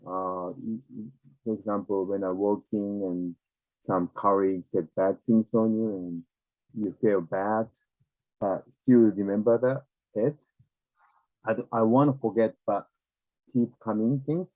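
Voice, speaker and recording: Slow-talking Japanese-accented man, tinny echoey line. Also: lowish voice, steady tone. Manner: halting, searching for words in non-native English. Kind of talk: reflective conversational explanation. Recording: tinny, narrow phone-like, echoey room.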